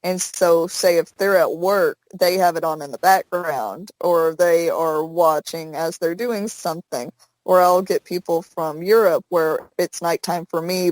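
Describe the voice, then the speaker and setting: A young Southern American woman, a Twitch streamer appearing as a guest, chats casually in an interview, rambling with lots of fillers. Her voice is on the low side and a little mellow, captured on a headset in a dry, low-quality recording.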